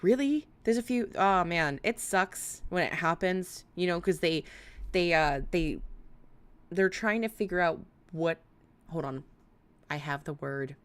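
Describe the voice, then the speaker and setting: A woman with a speech impediment that turns her R's toward W, chatting casually and excitably to viewers as a livestream host, in a rambling, giggly way. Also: lowish voice, unhurried. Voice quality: speech impediment, weak R sounds like W. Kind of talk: casual live chat with viewers.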